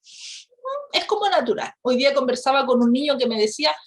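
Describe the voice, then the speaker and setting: A woman teaching a Bible lesson, telling the story with lively rhetorical questions and acting out the characters. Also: high-pitched, fairly quick. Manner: acts out quoted characters.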